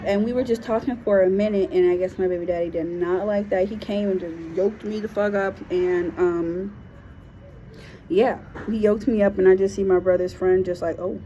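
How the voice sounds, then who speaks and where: A woman's voice: medium pitch, dark tone. A woman from Liberia casually telling a personal story, frank and slangy, with plenty of fillers. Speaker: vlogger. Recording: dull lo-fi sound with faint noise.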